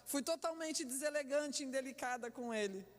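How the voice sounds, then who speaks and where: Woman, pastor, sermon, animated and expressive, reverberant church hall. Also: high-pitched, moderate pace. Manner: animated storytelling with laughter.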